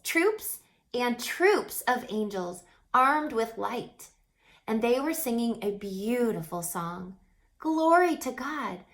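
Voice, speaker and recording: A storybook reader with a voice on the high side performs a children's story aloud, dramatically elongating words and dropping to a hush in places.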